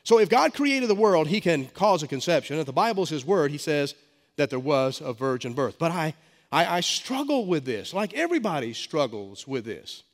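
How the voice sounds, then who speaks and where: This middle-aged male pastor, congested from a cold, delivers a sermon full of emphatic stresses and stammered restarts. He speaks at a normal speed in a fairly high, sing-song voice, and the sanctuary adds a long reverb.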